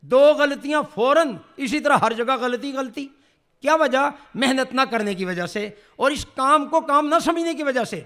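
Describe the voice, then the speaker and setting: During a classroom tajweed lesson, a man with a very high, fairly bright voice leads a group through Quran recitation. He fixes their pronunciation and runs repetition drills in call-and-response style, having the students say each part back to him.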